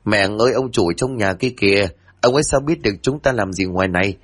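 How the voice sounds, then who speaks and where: A man voicing a cheeky, easily frightened young housemaid girl in a spoken ghost story, with shrill, excitable chatter. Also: a little fast, close to an everyday voice. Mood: cheeky, eager.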